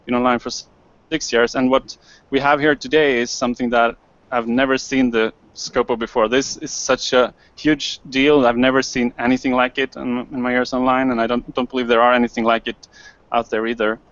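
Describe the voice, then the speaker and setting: A man's voice: mid-range voice, level tone, a little fast, a bit bright, no echo. Man on a dry, muffled call. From Sweden. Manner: earnest, with hesitant fillers. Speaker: panel guest. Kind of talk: casual self-introduction.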